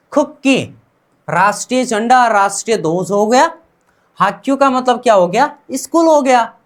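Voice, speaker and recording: This woman's voice sits high as she teaches Korean pronunciation in Hindi with an Indian accent. Repeating words over and over, she questions her students first and only then gives the answer.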